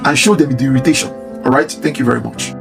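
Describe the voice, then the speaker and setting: A man's voice: mid-range voice, quick pace, vocal fry. A man giving a stern, preachy warning to his viewers. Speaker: featured commentator. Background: faint guitar music.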